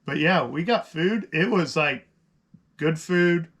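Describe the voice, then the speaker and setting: A man, co-hosting a podcast in casual chat and teasing his friend with quick jokes. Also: on the high side, animated, a bit bright. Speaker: podcast co-host.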